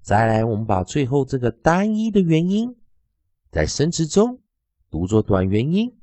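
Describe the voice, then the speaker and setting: A man's voice: medium pitch, huge pitch swings, moderate pace, warm tone, no room sound. A man teaching an English phonics lesson, spelling out letters and repeating each sound and word several times.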